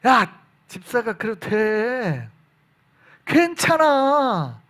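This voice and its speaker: A man voicing a coaxing male tempter spirit, with soothing, drawn-out reassurances, in a sermon. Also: extremely high pitch, sing-song, fairly bright tone, heavily acted.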